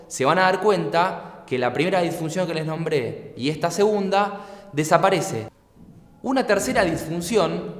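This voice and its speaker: Man lecturing in an echoey hall. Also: fairly high pitch. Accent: Argentine Spanish. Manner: clear, patient, asks rhetorical questions. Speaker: teacher. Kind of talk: explanatory lecture. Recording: echoey room with long reverb.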